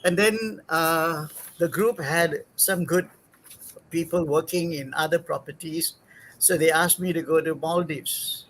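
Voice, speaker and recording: Older man, from Singapore, interview guest, fairly high voice, halting, lots of fillers and restarts. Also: a bit bright, a little hiss or hum, low-quality recording. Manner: halting, many fillers and self-corrections. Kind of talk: career story in an interview.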